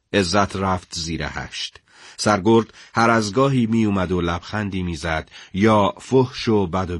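A man telling a scripted story in a steady, measured way. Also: lowish voice, dry recording, clean studio sound. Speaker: narrator. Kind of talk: scripted radio story narration.

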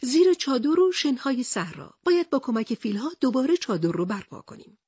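A woman voicing a calm, practical jungle man in a storybook. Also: sits high, husky, no echo, clean studio sound, exaggerated voice. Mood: steady.

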